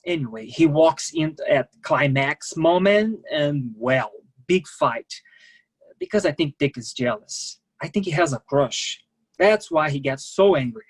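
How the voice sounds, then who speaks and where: In a staged play reading, a male actor with a fairly high, animated voice plays a resigned, candid immigrant massage therapist. He speaks a little slowly in clipped, non-native phrasing, matter-of-fact and confiding.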